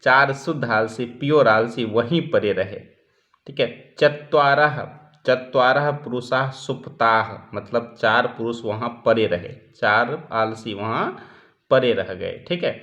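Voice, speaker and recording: A man's voice: medium pitch, slow pace, fairly bright tone. A male teacher giving a lecture, explaining step by step, asking questions and answering them himself, and often checking in with his students. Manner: keeps checking in with the class. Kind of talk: classroom lecture explaining a text. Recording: dull lo-fi recording.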